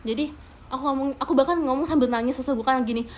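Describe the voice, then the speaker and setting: A young woman tells stories to her fans on a livestream, in a bright, high voice that keeps breaking into laughter. She talks into a phone from her own room, with emphatic asides to her viewers. A faint hum sits behind her. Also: quick pace. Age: young adult. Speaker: idol streaming to fans. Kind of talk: casual livestream storytelling.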